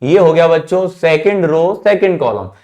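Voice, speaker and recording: A man's voice: a little high, animated, normal speed, darkish tone. A man teaching a math class, who keeps asking the students questions and then answers them himself, repeating the key terms. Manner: calls students "children", drops his voice at answers. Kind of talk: classroom lecture.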